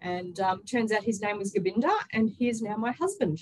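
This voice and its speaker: An excited, chatty woman with an Australian accent, telling personal stories casually as an interview guest. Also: medium pitch, a little fast, rough recording. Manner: excited, chatty, with quoted self-talk. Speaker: interview guest, author and workplace culture consultant.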